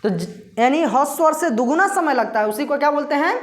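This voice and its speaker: A woman teaching a Hindi grammar lesson who asks her class questions, answers them herself and slowly repeats the key terms. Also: high voice, animated, roomy sound.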